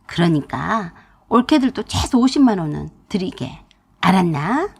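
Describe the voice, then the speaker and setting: A woman's voice: on the low side, very animated, unhurried, creaky, darkish tone, slightly rough, exaggerated voice. A woman voicing a bossy, scolding middle-aged sister-in-law in a narrated family story, domineering and nagging.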